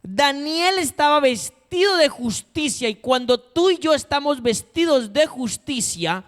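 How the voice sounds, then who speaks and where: A man's voice: very high-pitched, expressive, measured pace, a bit bright. A man preaching a sermon in a dramatic, emphatic way, asking his congregation rhetorical questions. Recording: long reverb of a hall.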